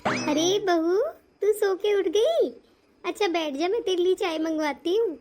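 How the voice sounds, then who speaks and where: A bossy older mother-in-law from a cartoon family story, voiced by a woman. She nags and orders everyone about in a sharp, commanding way. The voice sits very high. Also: measured pace. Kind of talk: animated family story voice acting.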